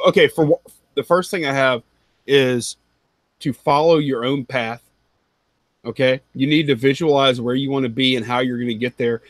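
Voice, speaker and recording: On a casual headset video call from a home room full of collectibles, a reseller in his thirties serving as a panelist gives advice, rambling, correcting himself, and laughing often. His voice is medium-pitched and a bit bright, with no echo.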